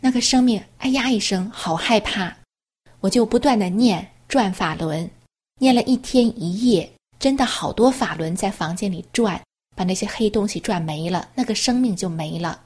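A woman reading a first-person testimony aloud in an earnest, steady, plain storytelling manner. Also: mid-range voice, moderate pace, breathy edge.

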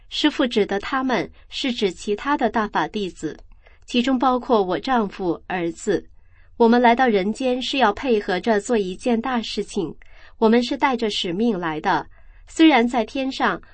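A woman reading a first-person account aloud in a calm, measured storytelling voice. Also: on the high side, no room sound.

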